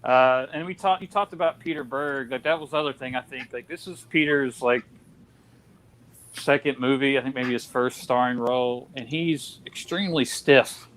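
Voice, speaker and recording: A man's voice: medium pitch, normal speed, fairly bright tone, a little hiss or hum. A man hosting a casual film discussion, chatty with lots of fillers and restarts. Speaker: podcast host.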